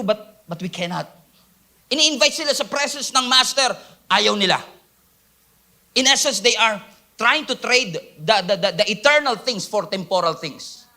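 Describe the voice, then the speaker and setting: A man preaching with a high, bright voice. He calls out questions to his congregation and slips into quick quoted voices to act out people's excuses. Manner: asks the congregation for responses. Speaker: pastor. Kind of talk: sermon.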